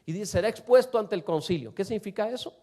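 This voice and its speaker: A man preaching a sermon to a congregation, asking them rhetorical questions and swinging between loud and soft. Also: high voice, lively intonation, fast. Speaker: pastor.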